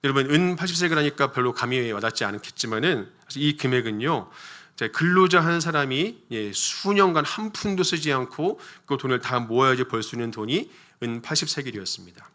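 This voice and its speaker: A man's voice: mid-range voice, animated, fairly quick, bright, forceful tone. A man preaching a sermon as pastor, telling a story with rhetorical questions and frequent "자" and "예" fillers. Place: church sanctuary.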